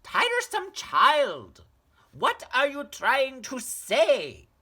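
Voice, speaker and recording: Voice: huge pitch swings, extremely slow, sharp tone, breathy edge, exaggerated voice. A storyteller voicing a frantic, scolding mother who wails in alarm. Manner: shrill wailing and scolding. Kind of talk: storybook reading.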